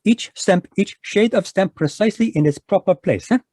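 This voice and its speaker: A man's voice: sits high, normal speed, no echo, studio quality. A man doing Hercule Poirot, fussy Belgian detective. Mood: smug. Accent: put-on French. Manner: pompous, lively, polite. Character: fussy middle-aged Belgian male detective, smug. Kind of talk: old-time radio play reading. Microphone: video call microphone.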